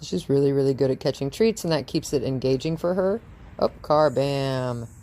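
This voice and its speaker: Low-voiced woman narrating dog training. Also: normal speed, warm tone. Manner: chatty, coos praise at the dog, laughs often. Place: outdoors in front of a house.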